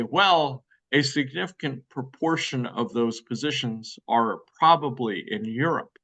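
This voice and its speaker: The audio is poor, but this mid-range, fairly bright voice belongs to a man from the United States appearing as a guest expert. He gives long, careful, hedging answers to interview questions, often restarting and using lots of fillers.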